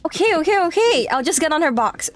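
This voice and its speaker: A woman's voice: high-pitched, sing-song, fast. A woman streamer with a cute anime-streamer manner, chatting casually and in confusion as she plays a game.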